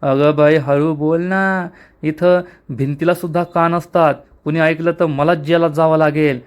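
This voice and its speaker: A man reading the lines of a menacing older woman villain who hushes her accomplice. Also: on the high side, steady tone, a little slow, clean tone, close to an everyday voice.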